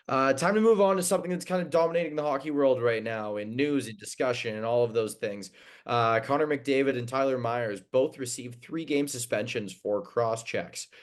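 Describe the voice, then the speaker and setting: A young man co-hosting a casual sports podcast, animated and joking as he rambles through hockey news. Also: fairly low pitch. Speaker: podcast co-host.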